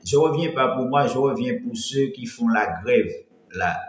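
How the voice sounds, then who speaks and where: A man's voice: medium pitch, lively intonation, measured pace. A man from the Antilles, chatting casually on a live stream, his light voice cracking when he pushes it, rambling and greeting viewers one by one. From French Antilles. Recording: roomy echo.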